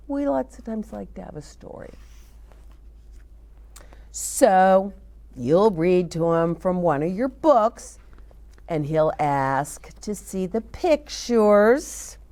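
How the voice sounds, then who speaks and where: This storytime host reads a picture book aloud to little kids, unhurried and expressive. Her pitch rises and falls vividly, and she drops in chatty asides to her audience.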